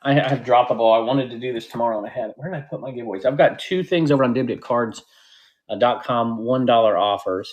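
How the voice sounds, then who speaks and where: A man hosting a casual livestream, rambling and interrupting himself, with sudden excited bursts. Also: mid-range voice, fast talker, dull audio. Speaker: host of a live selling platform stream.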